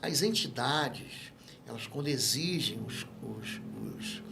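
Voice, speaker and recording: A man with a Brazilian Portuguese accent, a guest pastor teaching in an interview and telling stories with lively acted-out dialogue. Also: mid-range voice, slow, vocal fry, very noisy. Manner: animated storyteller who acts out quoted dialogue. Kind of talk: interview, teaching on spiritual matters.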